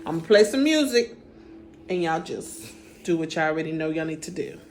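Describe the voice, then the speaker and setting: A woman voicing a proud, quick-tempered king who talks in casual modern slang. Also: low-pitched, animated, a little mellow, a little hiss or hum, voice pushed down, rough recording. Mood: indignant. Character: proud, easily angered male king.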